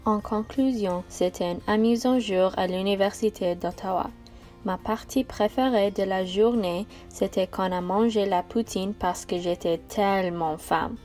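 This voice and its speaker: Soft music plays beneath a young student's scripted voice-over for her school-project video tour. She reads carefully in an unhurried, mid-range voice with a slightly mellow quality.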